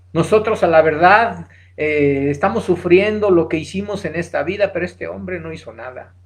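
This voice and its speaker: Male preacher, high voice, scripture reading into sermon, asks the congregation questions. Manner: reads scripture aloud then preaches with rhetorical questions; addresses listeners directly as brother.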